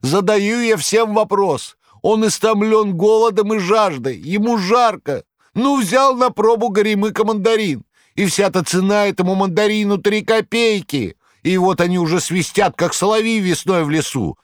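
A shrill wheedling trickster. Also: male voice, animated, moderate pace, dry recording, clean studio sound. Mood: shrill pleading. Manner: whining, mock-pleading, shrill.

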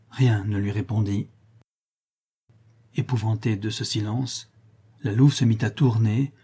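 A man narrating a classic novel as an audiobook in a measured, steady reading style. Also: mid-range voice, slightly rough. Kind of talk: scripted narration.

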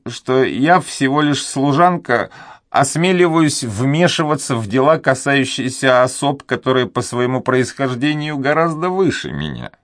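A man's voice: dry recording, studio quality. A man playing a sighing old duenna. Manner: sighing, pleading, high raised voice. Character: elderly devout Spanish duenna, anxious and fond. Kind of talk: audiobook character reading.

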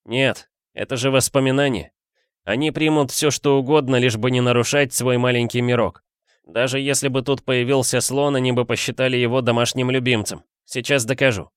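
A man's voice: medium pitch, fairly even intonation, brisk, clear, resonant tone, no echo, studio quality, voice pushed up, close to an everyday voice. A man voicing a playful, self-assured young man in an audiobook, speaking slyly. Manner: sly, teasing. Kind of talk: audiobook character voice.

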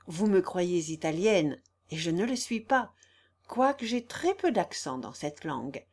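A woman's voice: fairly low pitch, big pitch swings, measured pace, darkish tone, heavily acted. A woman reading the part of a young woman singer who speaks frankly and kindly. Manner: frank and kind.

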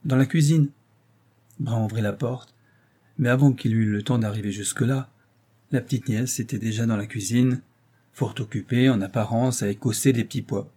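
Husky, dark-toned male narrator. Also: mid-range voice. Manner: steady, measured storytelling. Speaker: audiobook narrator. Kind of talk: scripted narration of a novel.

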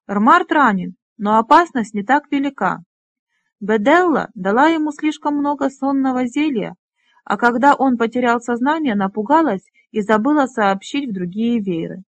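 A woman voicing a spirited, bossy young woman who leads dragonriders, talking briskly and teasing. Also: a little high, expressive, no room sound, pitched above the performer's own voice. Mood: lively.

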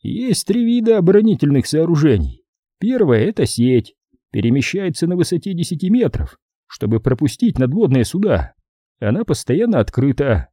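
A man's voice: fairly high pitch, very animated, moderate pace, dark tone, no echo, studio quality, voice pushed up. A man voicing a businesslike military colonel. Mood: matter-of-fact. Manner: matter-of-fact, listing. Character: businesslike male Turkish colonel.

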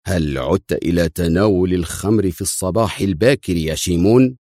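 A man voicing a brash one-eyed defense minister who talks loudly and dismissively. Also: low-pitched, fairly quick, no echo, clean studio sound, natural voice. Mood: incredulous. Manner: loud, incredulous, dismissive.

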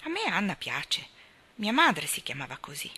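A woman's voice: on the low side, huge pitch swings, moderate pace, husky, heavily acted. A woman reading an audiobook, voicing a blunt, opinionated older spinster who scorns men. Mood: tart. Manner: tart, opinionated, sharp-tongued.

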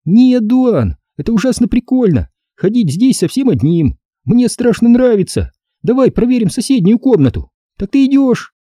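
A mischievous young girl who loves to tease, as a man reading the story puts her on. Her voice leaps high and swoops around with mocking glee, yet keeps a husky, dark edge. The recording is close and dry. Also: sing-song, normal speed, hardly any pauses, no room sound, exaggerated voice. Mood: taunting. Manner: mocking, taunting.

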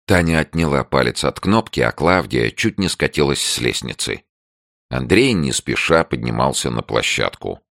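An audiobook narrator with a very deep, gravelly voice reads a scripted novel passage at a moderate pace. His intonation is lively and expressive, swinging widely. The recording is dry and close-miked, with no room sound.

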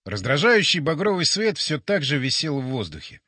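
Animated male audiobook narrator. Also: fairly high pitch, moderate pace, no echo. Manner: expressive, animated storytelling. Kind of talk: first-person sci-fi audiobook narration.

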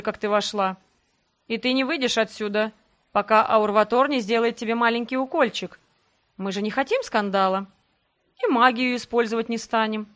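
Audiobook villain: taunting ambassador man, high and forceful, read by a woman. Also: natural voice. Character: smug menacing male ambassador villain.

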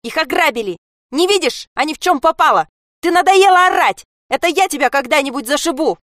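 A woman's voice: high-pitched, lively intonation, fairly quick, dry recording, studio quality, voice pushed up. Woman doing a shrieking defiant schoolgirl. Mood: furious. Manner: shouting, defiant. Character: angry defiant schoolgirl daughter.

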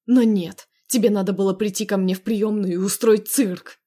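A woman's voice: medium pitch, brisk, lightly acted. A woman doing a possessive, domineering man. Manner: loud, commanding, menacing.

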